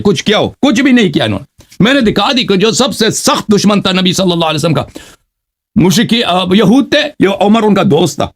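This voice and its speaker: Man, high-pitched voice, live religious debate, combative, insistent, demanding answers. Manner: insistent and combative, keeps pressing his opponent for answers; cites scripture slowly, then speeds up to argue. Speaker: debater and channel host.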